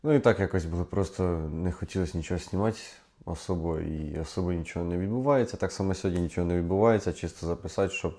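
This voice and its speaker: A vlogger with a low, dark voice talks very fast to camera at home, later moving into a kitchen. Rambling and thinking aloud, he counts into a clip-on microphone he's testing.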